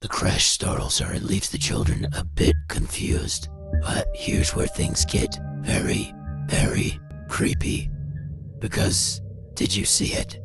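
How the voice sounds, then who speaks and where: Low gravelly guy narrating spooky clips, swoops around a lot, faint music under it. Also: huge pitch swings, slow pace. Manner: dramatic, suspenseful storytelling. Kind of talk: scripted narration of paranormal clips.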